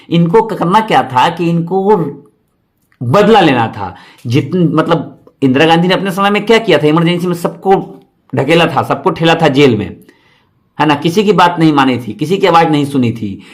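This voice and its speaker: A man teaches history for exam preparation, his voice sitting a little high. He explains each point, then says it again in simpler words, and asks rhetorical questions along the way. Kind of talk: exam-prep history lecture.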